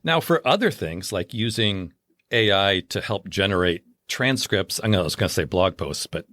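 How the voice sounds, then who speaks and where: A man's voice: sits low, lively intonation, normal speed, a bit bright, no room sound. A man co-hosting a podcast, explaining things in a confident, opinionated, casual way. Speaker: podcast co-host.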